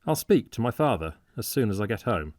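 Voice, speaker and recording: A man's voice: on the low side, sing-song, a little fast, a little mellow, dry recording. Man reading as a friendly young gent, earnest and polite, dry close sound. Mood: cordial. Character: cheerful, cordial young gentleman.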